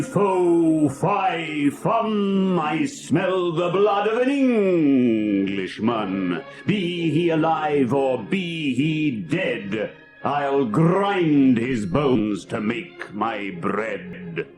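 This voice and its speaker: A slow, booming, bloodthirsty ogre. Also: male voice, lively intonation, over music. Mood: menacing. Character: huge bloodthirsty male ogre, roaring and menacing. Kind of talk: storybook cassette acting.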